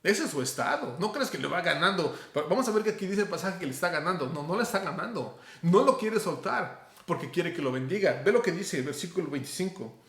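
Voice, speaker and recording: A middle-aged man with a Mexican Spanish accent preaching a sermon, conversational and animated, talking straight to the listener. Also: high voice, fast talker, few pauses. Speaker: pastor. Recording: roomy echo.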